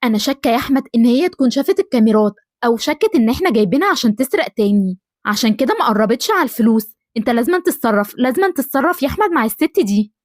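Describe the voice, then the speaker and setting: A woman's voice: fairly high pitch, expressive, no echo, clean studio sound. Woman voicing a scheming Egyptian housewife. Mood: suspicious. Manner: quick, suspicious muttering to herself. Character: suspicious scheming housewife, young adult.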